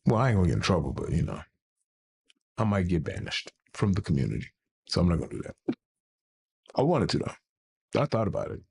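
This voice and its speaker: A man hosts a relaxed tech livestream with a somewhat low voice. He rambles, jokes and circles back mid-sentence as he talks. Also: fast talker, gravelly, long pauses, slightly rough. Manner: rambling and playful, with many restarts. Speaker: livestream host. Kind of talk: casual livestream chat.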